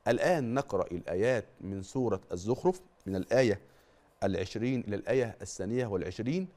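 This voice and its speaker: A man's voice: on the low side, a little mellow. Egyptian man teaching Quran recitation. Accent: Egyptian Arabic. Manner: poses questions and answers them himself; draws out example words slowly to demonstrate. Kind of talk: religious TV lesson.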